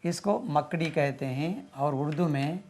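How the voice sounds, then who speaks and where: Slow, patient teacher, fairly high. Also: male voice, darkish tone. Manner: spells words letter by letter and repeats pronunciations; patient, repetitive, asks "right?" often. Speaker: English teacher. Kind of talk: slow spoken vocabulary lesson.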